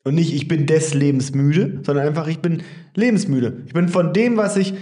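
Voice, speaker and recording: A man's voice: a little high, moderate pace, mellow. Young man rambling in a casual chat. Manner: rambling, restarts, argues a point. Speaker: podcast co-host.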